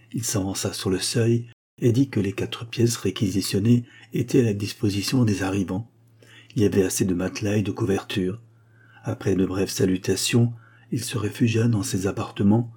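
A man narrating a story in a measured, even reading style. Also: lowish voice, breathy edge. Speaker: audiobook narrator. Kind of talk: scripted narration.

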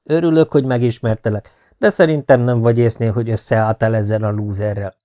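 A man's voice: mid-range voice, fairly even intonation, mellow, close to an everyday voice. Man voicing a young ballplayer, cocky, brash, teasing, audiobook. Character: cocky young male ballplayer, joking brother.

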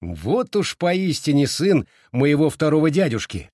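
A man's voice: on the high side, big pitch swings, normal speed, a little mellow, no echo, clean studio sound, pitched above the performer's own voice. A man voicing a boastful young village boy who talks in a brash, self-assured way. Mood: cocky.

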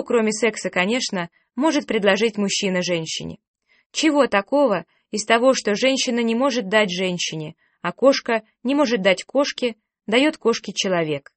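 A woman's voice: a little high, dry recording. Woman narrating an audiobook, dry and close.

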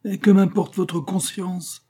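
A man's voice: sits high, steady tone, takes it slowly, warm tone, slightly rough, voice pushed up, exaggerated voice. A man reading as a bitter, sarcastic glassmaker husband. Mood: vehement. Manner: sarcastic, vehement, raised voice. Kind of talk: audiobook character reading.

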